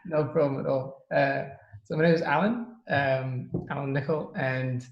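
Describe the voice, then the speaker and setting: A Dutch startup co-founder, guest on a podcast, speaks at normal speed in a medium pitch with fairly even intonation. He chats casually in an interview, thinking aloud with frequent ums, and the recording is muffled, roomy and echoey.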